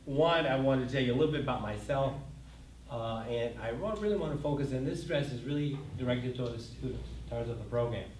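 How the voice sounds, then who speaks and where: An older man, a college president, giving a relaxed, conversational address to students, joking and using many fillers. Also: medium pitch, quick pace. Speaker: community college president, guest speaker. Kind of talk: informal lecture address. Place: lecture hall with an audience. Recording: echoey hall, mic from far off, faint noise.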